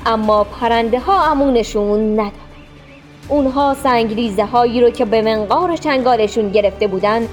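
A woman narrating a storybook with a clear, expressive reading. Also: on the high side.

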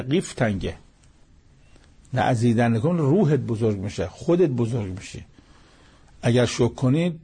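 Husky, gravelly man teaching scripture. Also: medium pitch, warm tone. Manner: explanatory, repeats key phrases for emphasis. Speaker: Quran commentator. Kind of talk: religious commentary lesson.

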